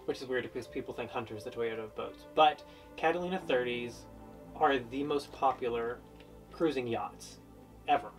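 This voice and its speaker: A man's voice: medium pitch, normal speed. Dry-joking young man in a boat cabin. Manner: relaxed, dry joking, explaining plans. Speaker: boat-owning video host. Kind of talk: casual chat, boat tour. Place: small wooden boat cabin, indoors. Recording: voice a bit distant, music behind.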